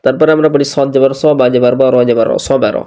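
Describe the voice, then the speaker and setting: A man's voice: medium pitch, fairly even intonation, fast, mellow. A man with a Bangladeshi Bengali accent teaching Quran recitation, patiently spelling out letters and syllables and repeating them. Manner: patient, repeats each syllable and corrects mistakes.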